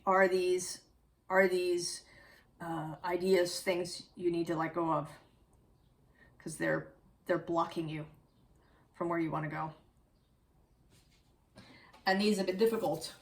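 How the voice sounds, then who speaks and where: A woman's voice: fairly low pitch, steady tone, slow, pauses often. A woman giving a casual, reflective tarot reading, musing aloud and correcting herself as she goes. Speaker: tarot reader.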